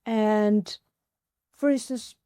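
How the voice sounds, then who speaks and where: A woman in her forties, a podcast guest, talking enthusiastically in a conversational interview, her voice climbing higher whenever she gets excited. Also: extremely slow, clean tone, no room sound, studio quality. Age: 40s. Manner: enthusiastic, pitch jumps up when excited; animated, acts out her own inner questions. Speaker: podcast guest, applied philosopher.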